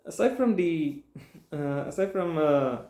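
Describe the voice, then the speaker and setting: Rambling, halting man in a roomy echo. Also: fairly high pitch, animated, warm tone. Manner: rambling, halting, with frequent restarts; bursts into emphatic mock-stern ranting. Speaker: book reviewer. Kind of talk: casual spoken book review. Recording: echoey room.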